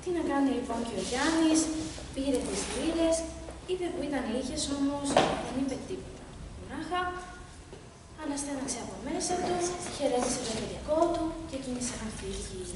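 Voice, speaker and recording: A woman storyteller reads a folk tale aloud with expressive delivery. Her high voice comes from far off in a very echoey hall over background noise.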